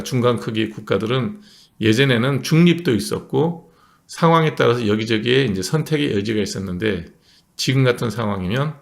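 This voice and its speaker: A man's voice: mid-range voice, vocal fry. A man delivering a political commentary monologue, explaining points emphatically and punctuating them with short affirmations.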